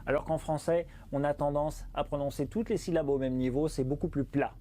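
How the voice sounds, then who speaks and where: A man teaching pronunciation in a video lesson, explaining clearly and emphatically, slowing down to model each sound, with playful asides. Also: fairly high pitch, steady tone, mellow. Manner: playful, self-mocking asides.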